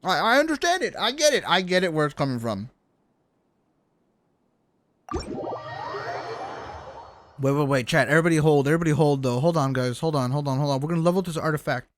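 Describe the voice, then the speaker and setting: A game streamer chats casually on a livestream while he plays, joking, exclaiming and swearing a lot. His voice sits a little high with lively intonation, and he talks fairly quickly with frequent pauses. There's a slight hiss or hum in the audio.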